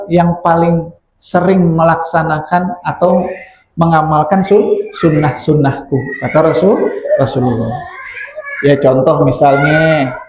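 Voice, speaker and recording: A high-voiced man preaches in a lively, joking way, often repeating and restarting words. His voice rings in a roomy hall, and the recording sounds a little dull. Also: slight background noise. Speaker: preacher teaching a hadith book. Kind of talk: sermon. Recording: roomy, slightly muffled.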